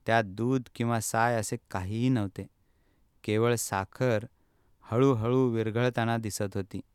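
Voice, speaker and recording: A man reading a first-person travel memoir aloud in steady, measured narration. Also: mid-range voice, clear, resonant tone, no room sound, clean studio sound.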